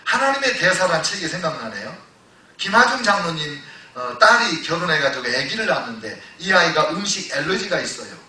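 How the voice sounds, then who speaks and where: A male pastor preaches in a story-driven style, moving from loud exclamations to hushed retelling. His voice is sharp and ringing, sitting a little high for a man. It carries from some distance through a very echoey church hall. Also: very animated, fairly quick. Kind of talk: sermon.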